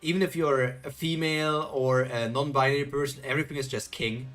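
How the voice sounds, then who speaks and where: Faint background music accompanies a man casually chatting on stream while he reacts to a webtoon and reads the chat aloud, pausing to question himself. His medium-pitched voice is slightly bright and fairly even in intonation, and he talks a little fast.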